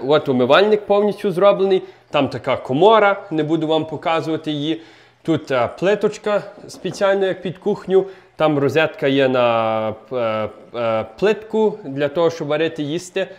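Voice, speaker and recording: A man's voice: fairly high pitch, lively intonation, normal speed. A young man casually showing a basement apartment on a handheld phone camera, chatty with many fillers and restarts. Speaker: vlogger giving a home tour. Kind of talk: casual walking tour vlog. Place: outdoors in snow, then indoors in a basement apartment.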